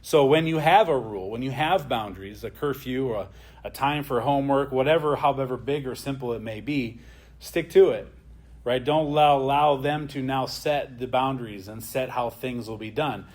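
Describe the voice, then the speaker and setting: A man's voice: mid-range voice, normal speed. A man teaching an adult church class in a plain, conversational way. He often adds a questioning "right?" as he talks.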